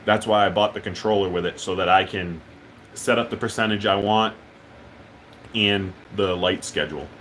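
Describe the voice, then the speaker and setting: A man's voice: sits low, normal speed, slight background noise. A man hosting a live stream, talking casually and rambling with lots of ums as he reads chat. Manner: relaxed, rambling, many ums and uhs. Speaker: livestream host.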